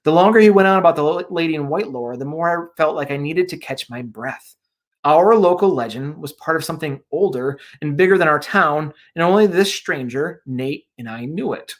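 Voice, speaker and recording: A man's voice: on the high side, lively intonation. A man from upstate New York, an author reading his own horror story aloud over a video call and then chatting in a Q&A. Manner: measured reading; chatty with fillers in talk.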